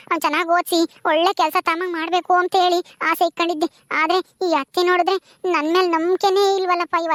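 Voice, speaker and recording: A woman playing a gentle pleading young wife. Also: very high-pitched, dry recording, studio quality. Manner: pleading, earnest.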